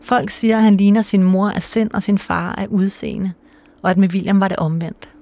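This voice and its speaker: A woman narrating a documentary in a calm, measured, soft-spoken way. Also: mid-range voice. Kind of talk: scripted narration.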